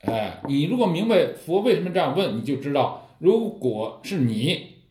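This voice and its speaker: Recorded in an echoey room, a Buddhist teacher speaks at a moderate pace in a fairly high voice. His dharma talk on Zen koans is full of lively stories and rhetorical questions.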